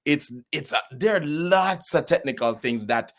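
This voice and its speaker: Speaking a little high and a little slowly, this podcast guest with a Jamaican accent talks about acting in an easygoing, lively way, slipping into patois now and then. He works as an actor and theatre producer.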